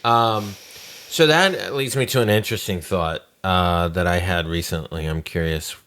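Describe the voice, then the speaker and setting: A man's voice: low voice, normal speed, a bit bright. A man hosting a podcast, asking meandering questions in an easygoing, joking way. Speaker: podcast host. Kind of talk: podcast conversation.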